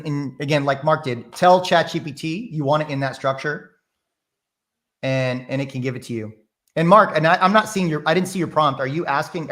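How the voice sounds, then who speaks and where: A man's voice: a little high, fairly bright tone. A man from the Boston area co-hosting a casual talk show, upbeat and chatty as he passes on viewer questions. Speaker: co-host. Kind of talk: casual chat.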